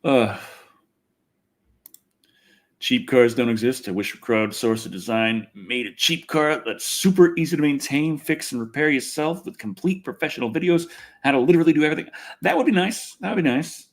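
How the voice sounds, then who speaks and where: A man with a mid-range voice talks at normal speed while hosting a casual livestream. He rambles and reads comments, griping in a wry, exasperated way with plenty of swearing.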